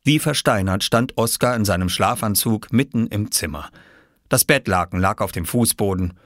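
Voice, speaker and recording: A man narrating a children's story in an expressive storyteller's voice. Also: lowish voice, normal speed, no echo, studio quality.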